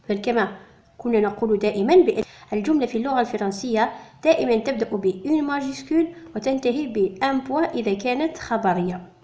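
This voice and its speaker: A woman teaching a beginners' dictation lesson, slowly repeating each word with careful pronunciation. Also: on the high side, expressive, mellow. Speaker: French teacher. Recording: echoey room.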